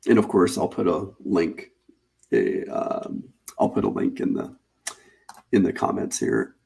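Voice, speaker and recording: A man hosting a live webinar, pitching a paid challenge in a casual, chatty way, repeating and restarting phrases as he goes. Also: very animated, a little slow, creaky, dark tone. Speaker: webinar host.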